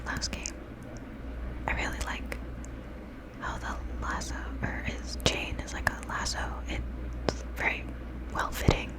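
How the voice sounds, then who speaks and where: A woman's voice: measured pace, long pauses, rough recording. A young woman whispering casual, rambling, self-deprecating ASMR commentary as she plays a video game, with whistling s sounds. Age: young adult.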